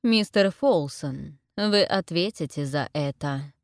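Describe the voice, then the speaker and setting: A woman voicing a menacing aristocratic male cult leader in an audiobook, speaking slowly and coldly with commanding weight. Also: fairly low pitch, darkish tone, smooth, no echo, studio quality, natural voice. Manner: slow, cold and commanding. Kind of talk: audiobook character voice.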